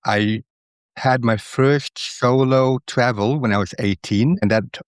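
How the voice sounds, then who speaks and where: A middle-aged man from Norway, an interview guest who speaks in a thoughtful, measured way with a few fillers. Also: medium pitch, smooth, no room sound, clean studio sound. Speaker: interview guest, Italian student. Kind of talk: conversational interview.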